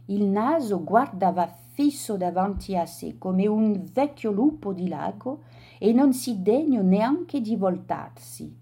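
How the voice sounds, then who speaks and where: A woman reading a children's story aloud in a slow, deliberate storytelling manner. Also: mid-range voice, lively intonation, mellow, husky.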